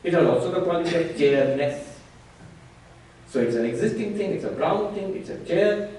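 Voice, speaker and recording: A man's voice: a little high, normal speed, darkish tone, slight background noise. Male monk-teacher, patient scripture lecture, voices an opponent's objections, miked from afar in a big reverberant hall. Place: retreat hall. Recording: echoey hall, far from the mic.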